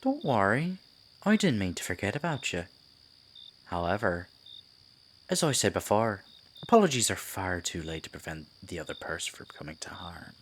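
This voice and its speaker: A man playing a sinister, silky Pied Piper in an ASMR roleplay, a theatrical storyteller who coaxes and condescends with deliberate delivery. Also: low-pitched, big pitch swings, slight background noise. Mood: coaxing, menacing. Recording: night insects and forest ambience behind. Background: crickets, night forest ambience.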